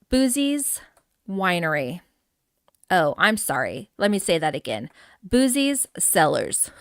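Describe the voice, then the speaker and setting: Touring a game island on a live stream, this middle-aged host keeps things chatty and giggly, laughing as she reads viewer names from the chat. She speaks at a fairly low pitch with a smooth, fairly bright tone. The recording is clean studio sound with no room sound.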